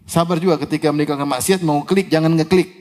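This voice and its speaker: A man preaching a sermon. He recites Arabic verses, explains them, and asks his listeners questions that he answers himself. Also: fast talker. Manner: animated, with sudden rises in pitch and loudness on key words.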